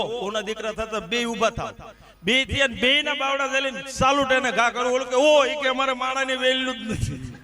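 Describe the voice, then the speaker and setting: A man telling comic folk stories on stage, acting out the dialogue. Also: extremely high pitch. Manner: animated joke-telling with quoted dialogue. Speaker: dayro storyteller. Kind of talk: live comic folk storytelling. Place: stage before a live crowd. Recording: live stage recording with crowd. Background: crowd.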